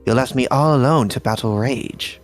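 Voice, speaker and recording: A man voicing a weary male demon who speaks with dry, unhurried mock formality in an amateur visual novel reading. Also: mid-range voice, faint music behind, lightly acted. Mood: calm.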